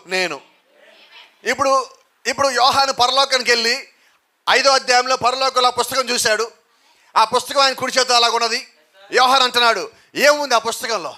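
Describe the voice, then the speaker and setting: A man's voice: very high voice, bright, forceful tone. A man preaching a sermon, asking rhetorical questions and answering them himself, with emphatic repetition and cries of hallelujah and amen.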